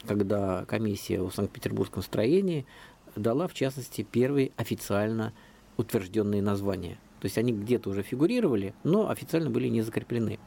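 A man with a creaky, medium-pitched voice is a local historian guest on a radio interview. He explains at length in a chatty, discursive manner, telling stories with lively energy.

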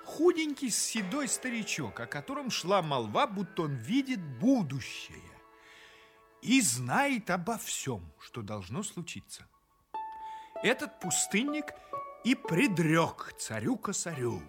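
Male storyteller, fairly high pitch, very animated intonation, scripted fairy-tale narration, music behind. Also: slow.

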